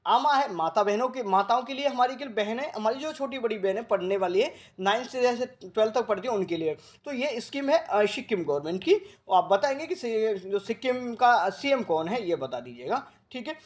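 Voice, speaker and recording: A male coaching teacher from Rajasthan. He gives a current affairs lecture, speaking slowly and repeating key facts as he drills his students. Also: very high-pitched. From Rajasthan, India. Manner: slow, repetitive drilling that coaxes students like a big brother.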